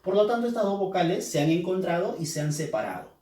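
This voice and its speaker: A male teacher patiently walks through a review lesson and repeats each key term so it sticks. His voice sits a little high for a man. The sound is roomy and echoing, as if the mic were set some way off. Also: lively intonation, fast, dark tone. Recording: roomy echo, mic at a distance.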